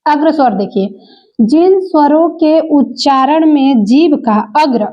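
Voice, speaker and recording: A woman teaches an exam-prep lesson in a high voice, taking her time. She repeats each point and keeps addressing the viewers as friends. The recording sounds dull and lo-fi.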